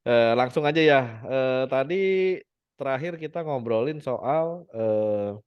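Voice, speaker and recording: Co-host, slangy and casual, heard through corrupted glitchy call audio that drops out, dull and dry. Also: male voice, mid-range voice, takes it slowly, clean tone, no room sound. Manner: relaxed slangy talk, apologetic about the line. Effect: choppy glitchy call audio, cutting out. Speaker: podcast co-host on a video call. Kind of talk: casual chat. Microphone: video call.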